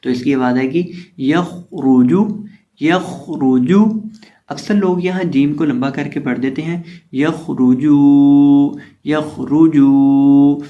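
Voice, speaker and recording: A man teaching Quran reading. He spells out each letter, draws syllables out slowly, and explains patiently with lots of repetition. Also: fairly high pitch, muffled recording. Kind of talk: step-by-step recitation lesson.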